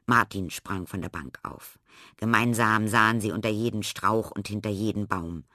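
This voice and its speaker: A man narrating a children's storybook in a lively, expressive way. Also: on the low side, normal speed, no echo, studio quality.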